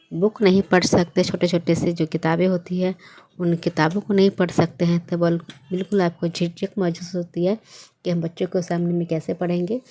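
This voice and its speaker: A woman's voice: lowish voice, dark tone. A young woman teaching a basic English reading lesson, who asks a question and then answers it herself, patiently spelling out each word.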